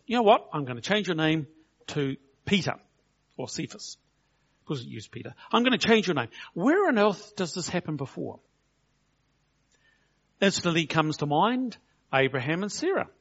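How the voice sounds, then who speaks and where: A middle-aged man delivers a relaxed, conversational sermon. His voice sits a touch high for a man, and he slows right down to stress his points and acts out each quote. The recording sounds dull and lo-fi. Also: husky. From New Zealand. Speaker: preacher.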